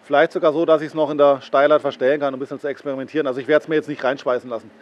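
A man talks quickly about his pond setup, peppering his speech with fillers. His voice is a bit high, and the recording sounds dull and lo-fi. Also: flat delivery. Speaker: pond owner. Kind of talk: casual chat. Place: outdoors at a koi pond.

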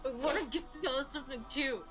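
A woman playing in a tabletop game, matter-of-fact and teasing, quick to laugh. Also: high-pitched, bright, forceful tone, faint music behind. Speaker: player. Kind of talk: casual tabletop game chat.

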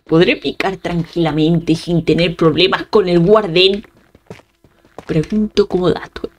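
A woman's voice: lowish voice, steady tone, unhurried, slight background noise. A woman with a Spain Spanish accent giving casual, playful gameplay commentary, chatting to her viewers and muttering little sound effects as she plays. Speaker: gaming channel host.

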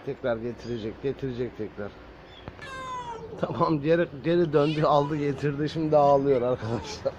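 A man talking casually to viewers in a garden, gently coaxing cats. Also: mid-range voice, moderate pace, highs cut off, noisy background. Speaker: vlogger caring for stray kittens. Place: outdoor garden.

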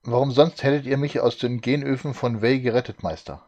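A man voicing a tiny, loyal male alien servant in a hushed, deferential way, in a story reading. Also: mid-range voice, fairly even intonation, brisk, highs cut off, lightly acted. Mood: meek deferential.

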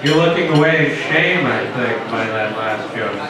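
A man in his thirties doing a stand-up set in a dark pub on a handheld mic, with slow, deadpan joke delivery and asides to the crowd. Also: medium pitch. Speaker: stand-up comedian. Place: dark small pub stage with audience. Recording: echoey pub heard from far off. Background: audience chatter and laughter.

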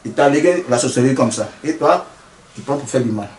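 A man's voice: medium pitch, animated, brisk, a little mellow, reverberant. A man, a traditional healer answering interview questions earnestly, often restarting his sentences. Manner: explains earnestly with many restarts.

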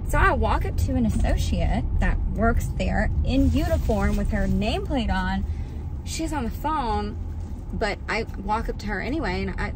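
A woman's voice: mid-range voice, background noise. A young woman with a Southern US accent, telling stories to the camera in a chatty, casual way, first from her car and then in her kitchen. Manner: chatty storytelling, lots of "like" and "girl". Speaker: vlogger.

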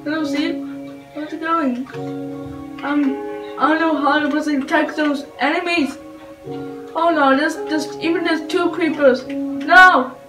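High-pitched woman gamer, slow and halting, yelps in panic; roomy off-mic sound, game music behind. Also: fairly even intonation, far from the mic. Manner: panicky, frequent yelps and exclamations; halting, repeats and restarts phrases. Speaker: gamer host. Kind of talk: let's-play gameplay commentary.

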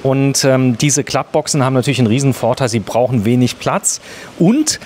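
A man's voice: medium pitch, animated, normal speed, a little mellow, slight background noise. Chatty guy showing off a camper setup, lots of umms, jokey. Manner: chatty, joking, many fillers. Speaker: host. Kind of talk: casual on-site product demo.

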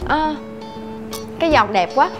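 An actress playing a scheming young wife who talks in a wheedling, flattering way. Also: female voice, sits high, measured pace, music in the background.

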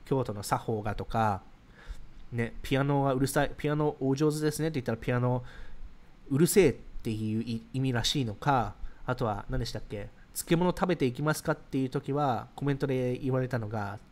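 A man in his thirties hosting a casual livestream, reading viewer comments aloud and answering them in a chatty, explanatory way. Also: medium pitch. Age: 30s. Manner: rapid, chatty, explains ideas while reacting to comments.

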